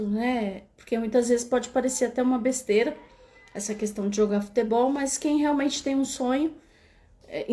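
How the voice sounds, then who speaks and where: A woman's voice: fairly high pitch, mellow. A young woman from São Paulo with a Brazilian accent, hosting a casual livestream and telling her story with many restarts and filler tags. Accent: São Paulo Brazilian Portuguese. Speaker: live-stream host. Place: home in Spain. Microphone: webcam or phone camera.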